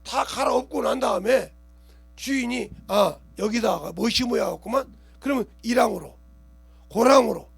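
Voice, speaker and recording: High, gravelly-voiced pastor preaching fast. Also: male voice. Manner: colloquial preaching, keeps asking the congregation if they understand; animated, acts out scenes with gestures and quoted voices. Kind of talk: sermon.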